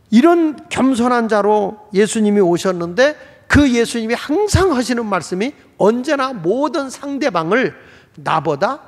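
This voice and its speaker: A man's voice: high-pitched, vocal fry. A male pastor preaching a sermon in a storytelling style, with rhetorical questions to the congregation. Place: church sanctuary. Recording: reverberant church hall.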